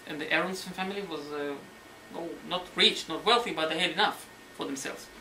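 A man lecturing on history as a story, animated and sometimes searching for words, acting out the quotes. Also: on the high side, fairly quick. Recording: roomy hall, mic at a distance, faint noise.

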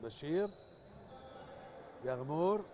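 A man's voice: fairly high pitch, lively intonation, slow, crowd noise. A man with a Jordanian Arabic accent doing live basketball commentary from an indoor gym. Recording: noisy indoor sports hall. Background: clear gym noise, bouncing basketball.

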